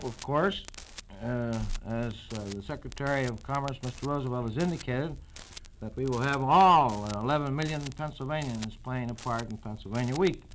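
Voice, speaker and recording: On a noisy, clicking 1940s radio transcription disc, a man with a medium-pitched voice gives formal answers in a radio interview. He is a state campaign chairman and company president, and he speaks haltingly, pausing hesitantly again and again.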